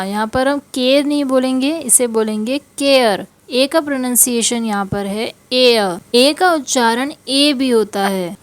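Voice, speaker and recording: Woman, English teacher, unhurried, repeats each letter sound, slightly high voice. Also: dry recording. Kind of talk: slow explanatory lesson.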